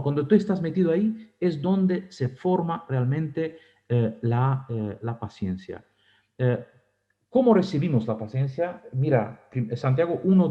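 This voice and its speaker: A man's voice: mid-range voice, mellow, dull audio. A man who is a pastor, preaching a sermon in a conversational, storytelling way and laughing often.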